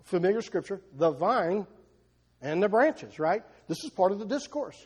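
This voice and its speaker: A man's voice: high voice, animated, normal speed, breathy edge. A man preaching a sermon to his congregation, emphatic, asking rhetorical questions and often repeating words as he goes. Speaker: pastor.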